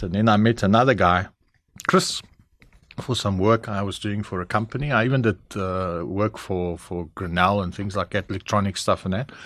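As an interview guest, this middle-aged South African man shares his personal testimony in candid, frank fashion. His voice is fairly low and a touch bright, with a South African English accent, captured at studio quality without echo.

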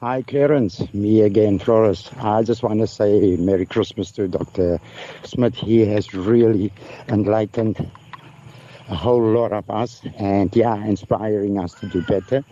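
A man's voice: on the low side, measured pace, warm tone, a little hiss or hum. A man in a recorded voice message played on air, sending a friendly and thankful casual greeting. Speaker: listener sending a voice note. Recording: dull lo-fi voice note with faint crickets.

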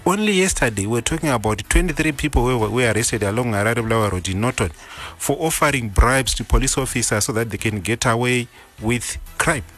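A man's voice: medium pitch, fairly quick, fairly bright tone. Firm man speaking officially. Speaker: police spokesman. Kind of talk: radio interview answers.

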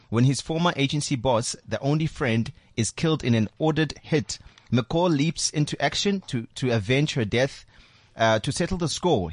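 A man hosting a radio show from a studio, chatty, with many fillers and restarts. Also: mid-range voice. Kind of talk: radio interview and promo read.

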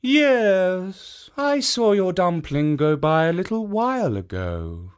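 A storyteller voicing a kindly stone statue deity who warns earnestly and gently. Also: mid-range voice, very animated, slow pace, smooth, pitched above the performer's own voice.

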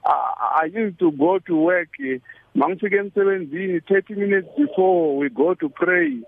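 A man with a South African Zulu accent, a native Zulu speaker, giving halting, repetitive personal testimony as a caller and switching between English and Zulu. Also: high voice, lively intonation, gravelly, no room sound. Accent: South African Zulu-language. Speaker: caller to a religious radio show. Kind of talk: personal testimony, casual and conversational. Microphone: telephone. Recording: tinny phone line.

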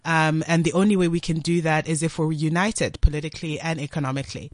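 A woman's voice: low-pitched, steady tone, quick pace, no room sound. A woman from Congo who grew up in South Africa, a studio guest in an interview, arguing earnestly in numbered points. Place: radio studio.

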